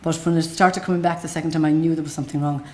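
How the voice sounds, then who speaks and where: Low, mellow west of Ireland woman. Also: steady tone, rapid-fire, a little hiss or hum. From Galway, west of Ireland. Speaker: patient telling their own story. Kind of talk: unscripted personal account.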